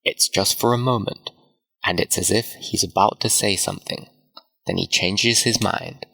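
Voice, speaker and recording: A man reading a story aloud slowly and clearly for English learners. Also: fairly low pitch, steady tone, pushed and bright, low-quality recording. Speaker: narrator. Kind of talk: slow scripted story narration for English learners.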